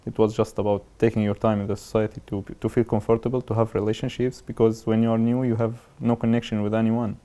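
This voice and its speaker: A man, talking haltingly in a documentary interview. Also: on the low side, level tone, mellow. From Syria. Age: 20s. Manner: halting, searching for words with many fillers.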